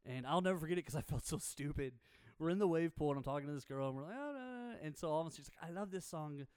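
A man in his thirties co-hosting a radio show, casually telling rambling, animated anecdotes and acting out bits. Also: fairly high pitch, very fast, clear, resonant tone, dry recording, studio quality. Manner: animated storyteller, acts out sounds and quotes. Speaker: radio co-host.

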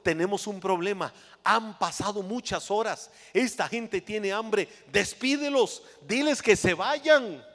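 A man's voice: sits high, slow pace, a bit bright, big-room sound, pitched above the performer's own voice, full character voice. A man voicing anxious male disciples who urgently plead with their teacher to send the crowd away.

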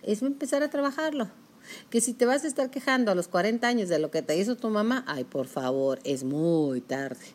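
A woman's voice: mid-range voice, lively intonation, normal speed, a little mellow. A woman giving a motivational self-help talk, speaking directly to the listener in a coaching manner.

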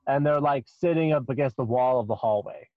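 A man improvising narration as a tabletop game master, haltingly, often repeating phrases. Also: mid-range voice, no echo, phone-quality sound.

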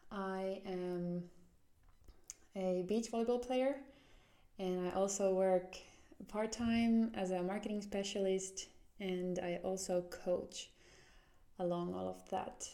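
A Finnish woman in her twenties hosts a solo podcast in a Finnish accent, speaking earnestly and often restarting as she searches for words. Her voice is mid-range and mellow.

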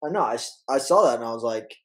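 A man's voice: mid-range voice, expressive, quick pace, fairly bright tone. A man co-hosting a casual chat, laid-back, with teasing questions and easy laughter. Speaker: podcast co-host.

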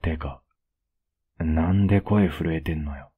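A young man with a Kansai accent in a whispered role-play as a blunt, rough-spoken boyfriend who is caring underneath, recorded close up at home. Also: a bass voice, unhurried, narrow, tinny audio. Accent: Kansai Japanese. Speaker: voice actor playing a boyfriend.

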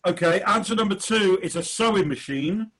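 A man's voice: sits high, expressive, normal speed, a bit bright, low-quality recording. A man hosting a comedy quiz over a video call, jokey and hesitant with many fillers. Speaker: quiz host. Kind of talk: online comedy panel show hosting.

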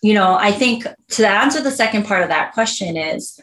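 This American woman, a home loan professional appearing as an interview guest, answers earnestly and from the heart in an expressive, medium-pitched voice. Her tone is fairly bright and her pace moderate as she tells stories conversationally, full of "like" and "you know," with a roomy echo around her.

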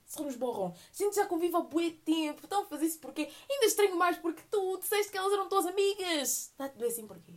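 Woman host, high and lively voice, casual animated rant. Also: fast, few pauses. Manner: animated, mixing Portuguese and English, laughing asides. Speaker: podcast host. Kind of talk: casual monologue.

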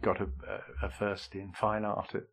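Brief: middle-aged stage actor, low gravelly voice, husky, rambling storyteller. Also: male voice, little pitch movement, measured pace, noisy background. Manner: storytelling, many restarts and fillers. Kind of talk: casual interview chat.

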